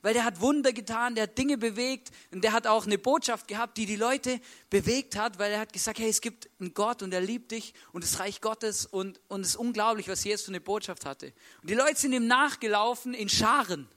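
High-voiced, chatty male preacher. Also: brisk, hardly any pauses, fairly bright tone. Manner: colloquial, tags sentences with a questioning "right?"; acts out the voices of the story's people. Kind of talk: sermon with storytelling.

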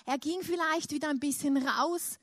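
A woman's voice: sits high, normal speed, a bit bright, no room sound, clean studio sound. A woman preaching a sermon and retelling a story, rising dramatically when she imagines a grieving father's cries.

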